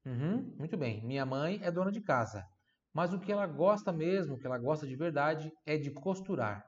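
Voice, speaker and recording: A man giving an online language lesson as the teacher, explaining patiently and repeating phrases slowly for listeners to practice. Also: on the high side, lively intonation, dull audio. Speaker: Italian teacher.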